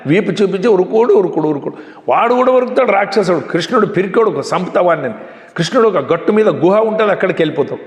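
A man telling religious stories in an emphatic, animated sermon. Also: high voice. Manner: emphatic, animated retelling with frequent restarts. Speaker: religious speaker. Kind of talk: storytelling sermon. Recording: echoey hall.

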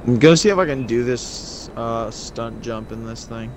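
A man's voice: medium pitch, normal speed, background noise. A man recording himself gaming with a friend, laid-back and teasing in casual banter.

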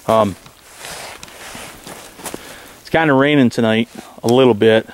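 A man in his forties, relaxed and rambling with many ums and uhs, talking casually about camping in the snowy woods to a camera mic. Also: mid-range voice, unhurried, slight background noise. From Michigan, USA. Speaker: outdoor vlogger. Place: snowy woods outdoors, under a tarp shelter.

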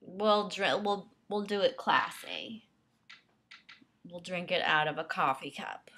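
Gravelly, bright-voiced sarcastic woman. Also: fairly low pitch, slow pace. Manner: deadpan, sarcastic asides. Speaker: actress. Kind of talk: comedic self-tape sketch.

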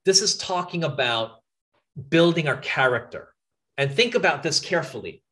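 A man's voice: a little high, expressive, moderate pace, bright, forceful tone. A man preaching a sermon at an outdoor camp meeting, earnest and emphatic, often repeating phrases and asking listeners to stop and think.

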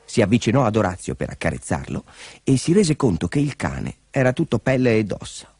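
A man narrating a children's story in a lively, expressive reading. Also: fairly low pitch, fairly quick, husky, no room sound.

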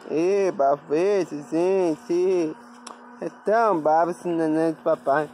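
A man's voice: fairly high pitch, takes it slowly, a little hiss or hum. Man cooing baby talk at his dog. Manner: cooing, sing-song, repeats words over and over. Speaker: dog owner. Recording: home video with loud dog barking behind. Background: dog barking.

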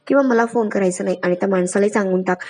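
A sulky, whiny pregnant young woman who pushes back at everything, read by a woman recapping a serial. The voice stays mellow and soft-edged even while she grumbles. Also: mid-range voice, very fast, lightly acted. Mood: complaining. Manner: whiny, complaining.

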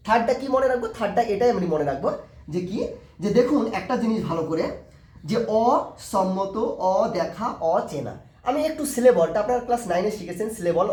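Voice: mid-range voice, darkish tone, roomy sound. A teacher giving a grammar lesson, often asking a question and answering it, repeating the key words.

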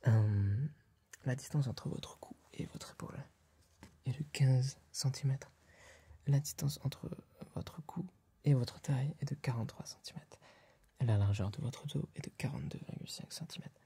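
In a small room styled as a tailor's workshop, a young adult man performs an ASMR roleplay, whispering breathily and hesitantly as a polite, fussy tailor serving a client. His voice sits at medium pitch with a moderate pace, mellow and slightly rough. A close ASMR microphone picks him up.

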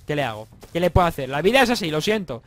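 Brief: young adult male gamer, Spain accent, high and very animated, slightly stuffy from a cold, casual let's-play on a home mic with faint hiss. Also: rapid-fire. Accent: Spanish from Spain. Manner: excitable, swearing, joking, bursts into yells. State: slightly congested, sore throat. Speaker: gaming YouTuber.

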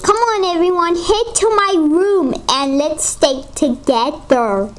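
A woman giving excited gameplay commentary, gasping and exclaiming often. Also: sits high, slow. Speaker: gamer.

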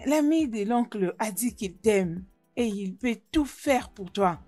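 An actress dubbing a playful, gossipy younger sister who giggles often. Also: female voice, medium pitch, lively intonation, takes it slowly, darkish tone, faint music behind. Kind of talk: dubbed film acting.

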